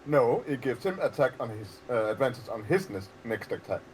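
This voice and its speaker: A man's voice: mid-range voice, big pitch swings, fairly quick, a little mellow, a little hiss or hum. Casual man player at a tabletop game.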